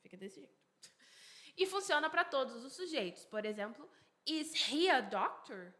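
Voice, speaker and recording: Bright-voiced woman teaching English grammar. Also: high voice, big pitch swings. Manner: explains slowly and repeats examples, asks herself questions aloud. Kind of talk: bilingual grammar lesson.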